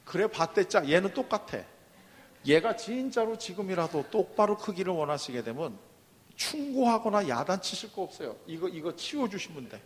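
A man delivers a sermon from the pulpit, his voice pitched high for a man. He keeps asking the congregation questions and then answering them himself. The sound carries the long reverb of a large hall. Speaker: pastor.

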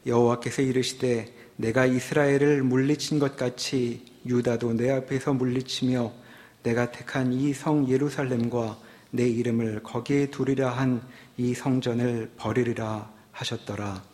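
A man reading a scripture passage aloud in a steady, formal cadence. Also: mid-range voice, unhurried. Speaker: scripture reader.

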